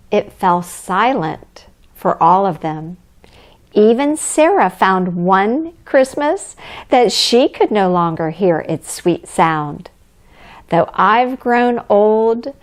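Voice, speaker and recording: Slow, gentle Mrs. Claus played by a woman. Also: mid-range voice. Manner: gentle, expressive, unhurried. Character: Mrs. Claus, kindly storybook wife of Santa, reading to children. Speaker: storyteller. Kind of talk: children's storybook reading, addressing young listeners.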